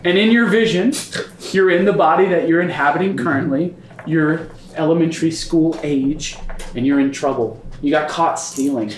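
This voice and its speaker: A man serving as game master, narrating a scene for his players in a calm storytelling way. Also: a little high, moderate pace. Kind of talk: improvised tabletop game narration. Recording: echoey room, faint background noise.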